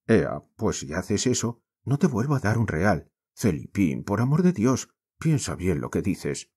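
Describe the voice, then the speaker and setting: A man with a Spain accent voicing a meek, sorrowful orphan girl in an audiobook, speaking softly and consolingly. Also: on the low side, big pitch swings, unhurried, breathy edge, full character voice. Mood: tender, pleading. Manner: soft, gentle and consoling. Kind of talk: audiobook character reading.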